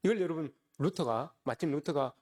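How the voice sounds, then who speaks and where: Male pastor, sermon delivery, quick and lively, slightly high voice, keeps turning to the congregation with questions. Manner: often addresses the congregation directly with rhetorical questions. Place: church service.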